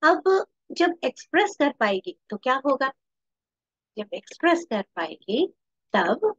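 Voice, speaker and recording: Woman explaining therapy stuff to viewers, high voice going up and down a lot, asks questions as she goes. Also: takes it slowly, no echo, muffled recording. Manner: animated, acts out quoted voices, rhetorical questions. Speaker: spiritual wellness teacher and therapist.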